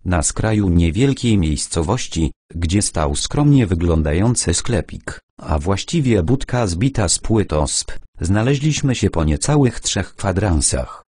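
A man narrating a first-person audiobook in a measured, deliberate storytelling manner, recorded on a close studio mic. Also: deep voice, expressive, dark tone, slightly rough, dry recording.

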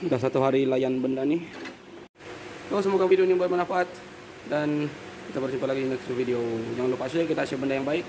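A casual workshop vlog: a Malaysian-accented man in his thirties, medium-pitched and fairly even in intonation, goes through a car air-conditioning repair step by step, a little fast and with fillers. A handheld phone picks him up over the workshop noise.

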